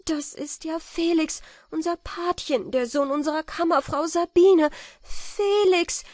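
A noble countess, tender and overjoyed, her voice lifting high and bright with feeling, as a woman reading a fairy tale plays her. The sound is dry and close, like a storybook read in a small studio. Her words come with earnest, old-fashioned warmth. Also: a little slow, dry recording. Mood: moved, joyful.

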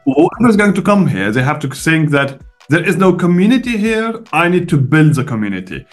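A man's voice: on the high side, a little fast. Male guest, 30s, webcam call from home, blunt and explanatory, faint music bed. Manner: blunt, explanatory, lively emphasis. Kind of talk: video call interview. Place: home room with bookshelves. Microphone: webcam on video call.

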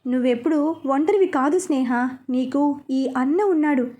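A woman voicing a gentle protective older brother. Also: high-pitched, normal speed, natural voice. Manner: gentle, reassuring.

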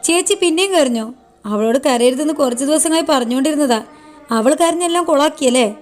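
A shy, sentimental young woman speaks softly and earnestly, wistful about home, as the storyteller voices her. Her voice is high, with faint music running underneath. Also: fast, natural voice.

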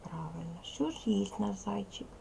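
A woman teacher leading a lesson for young children, speaking slowly and repeating key words. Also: mid-range voice, expressive, gravelly, dark tone, slight background noise. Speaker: primary school teacher. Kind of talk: teaching a second-grade language lesson.

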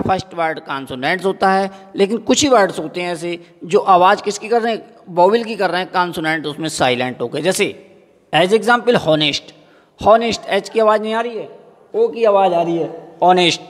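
High-voiced male teacher in an echoing room. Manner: asks the class questions and answers them himself; repeats each example word slowly. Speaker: school teacher. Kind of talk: classroom grammar lesson.

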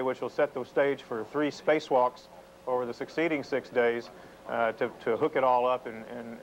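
A middle-aged man reporting live as a space correspondent, explaining things in a measured way. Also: mid-range voice. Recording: dull, noisy VHS TV broadcast.

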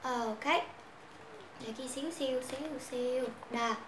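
A woman's voice: high-pitched, fairly even intonation, unhurried, roomy sound, background noise. Vietnamese-speaking young woman teaching English songs. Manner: chatty, explains pronunciation, sings lines to guitar. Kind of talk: casual song-based English lesson with singing.

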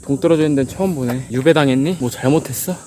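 A man's voice: mid-range voice, very fast. A young man vlogging while cycling up a steep mountain road, tired, joking and grumbling, swearing under his breath now and then. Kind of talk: casual self-filmed chat. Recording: outdoor recording with loud insect noise. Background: crickets and insects.

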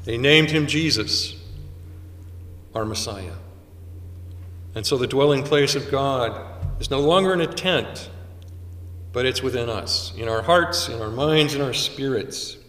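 An older man delivers a sermon in a measured, unhurried way, pausing for weight between phrases. His voice sits at an ordinary middle pitch. It is picked up from some distance, with the long, roomy ring of a chapel around it. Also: a bit bright, a little hiss or hum. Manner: measured preaching with dramatic pauses. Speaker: chaplain. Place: small chapel, indoors. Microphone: stand mic at pulpit, far camera. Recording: roomy chapel echo from far off.

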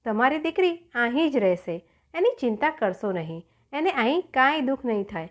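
Woman reader doing a storybook male lion: fierce-looking, kind inside, firm yet gentle, high and lively. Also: moderate pace. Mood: commanding.

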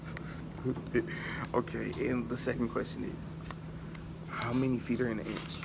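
A man's voice: mid-range voice, level tone, a little slow, gravelly. A teenage boy filming on a handheld phone in a school, quizzing classmates with riddles and teasing their wrong answers. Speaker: vlogger asking riddles. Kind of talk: casual prank interview. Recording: noisy crowded school room. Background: students chatting.

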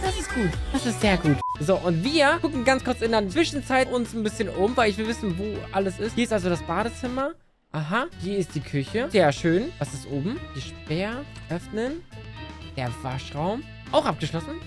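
A woman giving excitable gameplay commentary, often shrieking and laughing at what happens on screen. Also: medium pitch, moderate pace. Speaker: let's-play gamer. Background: game music.

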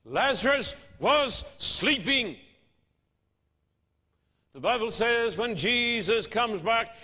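A man's voice: high-pitched, bright, forceful tone. A man preaching a sermon, emphatic and fond of rhetorical questions. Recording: long hall reverb.

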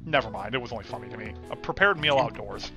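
A man's voice: fairly low pitch, expressive, fast, creaky, sharp tone, soft background music. A young man with a lisp, co-hosting a let's play in crude, sarcastic casual gaming chat. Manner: crude, sarcastic banter with frequent swearing.

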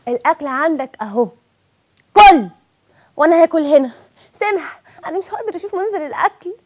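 A woman's voice: high voice, lively intonation, fast, soft background music. A woman with an Egyptian accent playing a dieting wife, whiny and complaining. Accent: Egyptian Arabic. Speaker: wife in comedy sketch.

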